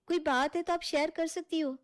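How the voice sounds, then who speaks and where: A woman's voice: very high-pitched, fairly even intonation, normal speed. A woman voicing a scheming, manipulative young wife who sweet-talks her in-laws in a cartoon story. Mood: sweet-talking. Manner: sugary, scheming.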